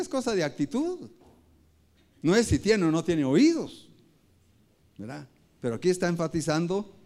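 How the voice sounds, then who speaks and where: A man delivers a sermon, his slightly high voice swinging widely in pitch and loudness for emphasis. He speaks directly to the congregation, calling them brothers and parents. Scripture quotes come out with rising force. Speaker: preacher.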